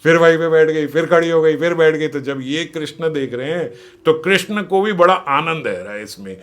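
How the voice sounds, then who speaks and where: A man giving a devotional scripture discourse, animated, acting out the dialogue and often laughing. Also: a little high, moderate pace. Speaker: devotional storyteller.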